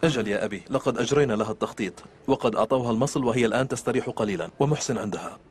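Casual: guy doing caring son, talks super fast, calm tone. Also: mid-range voice, slight background noise, close to an everyday voice. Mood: reassuring. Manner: reassuring, rushed. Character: adult son and doctor, caring, dutiful. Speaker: doctor, son. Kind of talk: dubbed TV drama acting.

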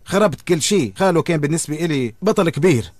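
An angry young man hurling blame at his cousin in a dubbed drama. He speaks Lebanese Arabic very fast, in a slightly high voice, with a close and dry sound. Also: animated, darkish tone, no echo. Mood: accusing. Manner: accusing, rapid-fire.

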